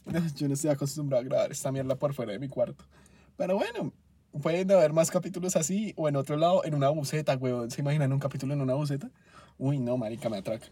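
A man's voice: medium pitch, mellow, breathy edge. A young man with a Colombian Bogotá accent, telling restaurant stories in a casual, profane rant and flaring up with exasperation, recorded inside a car. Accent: Colombian Spanish, Bogotá. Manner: profane, exasperated, quick to flare up. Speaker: podcast host.

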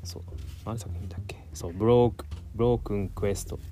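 A man hosts a solo talk show, rambling casually and giggling at his own remarks. His voice is on the low side and quick, with background music playing behind him.

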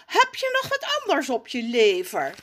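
A woman's voice: very high-pitched, wildly swooping pitch, unhurried, pitched above the performer's own voice, heavily acted. A woman voicing Jacques, a pompous, posh male cousin in a storybook who talks down to others and teases. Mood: snooty. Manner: posh, condescending, mocking. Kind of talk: storybook character voice.

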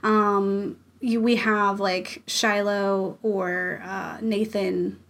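A woman's voice: mid-range voice, level tone, extremely slow, a bit bright. A young woman co-hosting a podcast in casual chat. She uses lots of fillers, laughs often and mimics voices. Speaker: podcast co-host.

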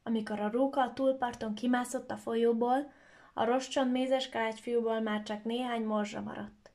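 A woman telling a children's story aloud in a lively, expressive way. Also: on the high side.

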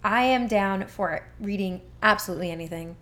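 Enthusiastic woman podcast host, casual and playful, mid pitch. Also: fairly quick, fairly bright tone. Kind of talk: casual chat.

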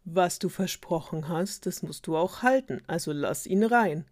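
A woman's voice: on the low side, animated, a little slow, a little mellow. A woman doing a stern scolding king. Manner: strict, scolding. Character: stern, grumpy old king and father.

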